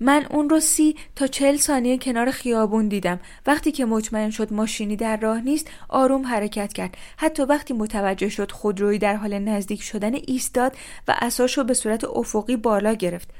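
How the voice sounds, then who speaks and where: A woman's voice: on the high side, darkish tone, pitched above the performer's own voice, lightly acted. A firm eyewitness woman, put on by a reader. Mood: decisive. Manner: firm and decisive. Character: firm, precise female eyewitness.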